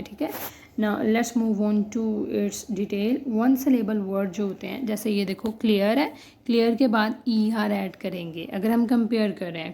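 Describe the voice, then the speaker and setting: Slow, gravelly-voiced woman teaching grammar. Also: mid-range voice. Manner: checks in constantly with "ठीक है?", spells out word endings letter by letter; addresses students as "बेटा", gently reassuring. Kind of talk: classroom-style grammar lesson mixing Hindi and English.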